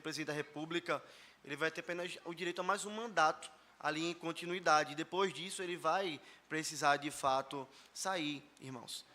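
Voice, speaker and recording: Hoarse Brazilian pastor, bright forceful voice. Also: male voice, fairly high pitch. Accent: Brazilian Portuguese. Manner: earnest, addresses the congregation directly as brothers. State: hoarse after a flu. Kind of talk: sermon. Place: church service.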